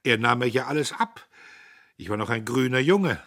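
A man's voice: medium pitch, lively intonation, moderate pace, fairly bright tone, no room sound, clean studio sound, pitched above the performer's own voice. A man reading aloud, voicing a pompous, cowardly young man who speaks in a raised, insistent, self-satisfied way. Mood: boastful.

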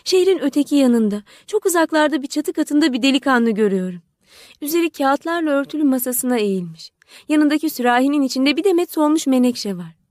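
A woman voicing a gentle, selfless male prince statue in an audiobook, speaking softly and imploringly. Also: high-pitched, lively intonation, fairly quick, dry recording, studio quality. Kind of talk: audiobook character voice.

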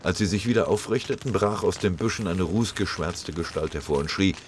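This is audiobook narration from a script: a deep-voiced man reads a war story, moving fairly quickly. He tells it dramatically and vividly, and there's slight hiss or hum in the background.

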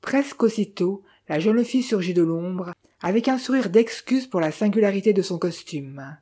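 A woman narrating a novel in a measured, even reading style. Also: medium pitch, slightly rough.

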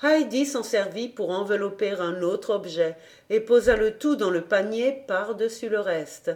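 A woman reading a children's novel aloud as a calm, even audiobook narration. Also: mid-range voice, measured pace. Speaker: volunteer audiobook reader.

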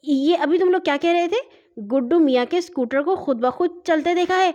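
A woman's voice: very high-pitched, darkish tone, muffled recording, voice pushed up. A woman voicing a flustered mother in a children's story, stammering in fright and scolding her son. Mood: frightened. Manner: stammering and panicky. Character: flustered, fearful mother of a household.

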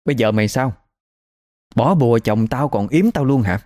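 A man voicing the angry spirit of a dead mother who speaks through a grandmother, scolding and shouting accusations. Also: medium pitch, expressive, normal speed, close to an everyday voice. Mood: furious.

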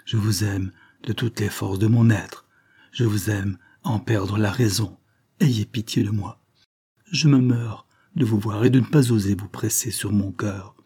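A man reading an ardent lover pleading, husky and low. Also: fairly even intonation, measured pace, dark tone. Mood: impassioned. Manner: impassioned, pleading. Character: ardent young man pleading his love.

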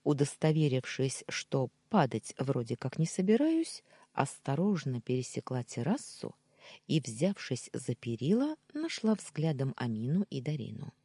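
Low, husky woman narrating a story. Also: a little slow, dry recording. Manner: expressive, with dialogue voiced in character. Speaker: audiobook narrator. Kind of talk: first-person story narration.

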